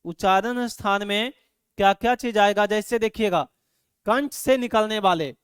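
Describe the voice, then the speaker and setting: A man teaching an online grammar lesson, asking his students questions over and over and loudly sounding out syllables for them to repeat. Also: high-pitched, normal speed, clean tone, dry recording, clean studio sound. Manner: repeats "ठीक है" and quizzes students constantly; drills syllables aloud, louder on examples. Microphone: microphone.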